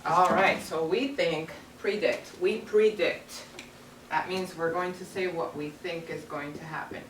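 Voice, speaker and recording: In a carpeted classroom packed with young children, a woman teacher leads a read-aloud, giving simple, instructive phrases at an unhurried pace. Her voice is lowish with fairly even intonation. The audio comes from a distant camera across the room, roomy and full of background noise.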